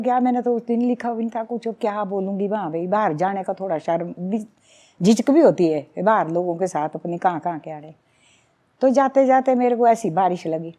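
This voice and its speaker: Mellow-voiced Himachali woman folk singer. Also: medium pitch. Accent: Himachali Pahari. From Himachal Pradesh. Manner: earnest, reflective storytelling. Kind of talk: conversational interview.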